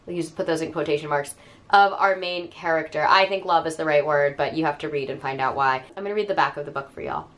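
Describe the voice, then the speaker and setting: A young woman with a cold gushes about horror novels in a casual vlog. Her voice sits a little low and sounds stuffy from the cold. She talks eagerly and pads her sentences with lots of fillers. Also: quick pace. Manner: enthusiastic, gushing, with fillers. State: hoarse from a cold. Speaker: book reviewer. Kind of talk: casual book review vlog.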